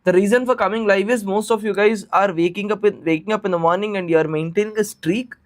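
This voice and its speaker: Male online tutor, Indian accent, notably high voice, conversational explainer who repeats key phrases and asks check questions. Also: fast. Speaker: teacher of exam preparation class. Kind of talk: live online lesson, informal explaining.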